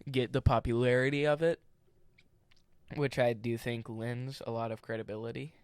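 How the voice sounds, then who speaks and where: A man's voice: medium pitch, little pitch movement, moderate pace, clean tone, no room sound. A young man co-hosting a casual podcast, joking playfully and throwing in goofy asides. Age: young adult. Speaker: podcast co-host.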